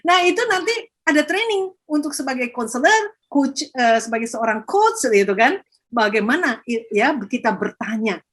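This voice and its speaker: An older woman, a grandmother and education coordinator, telling lively stories with acted quotes during a conference talk. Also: sits high, moderate pace, breathy edge.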